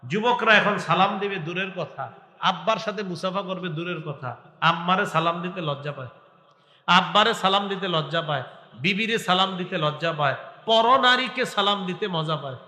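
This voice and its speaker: A man's voice: high voice, normal speed, sharp tone. A male preacher giving a sermon to a gathered audience, exhorting them, asking questions and chanting Arabic phrases. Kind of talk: Bengali waz sermon. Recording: echoey hall with long reverb.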